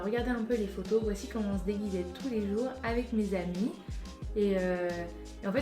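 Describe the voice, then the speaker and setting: A young woman from France chatting casually in a vlog, giving emphatic advice straight to her viewers. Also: mid-range voice. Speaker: vlogger. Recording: roomy echo with faint music.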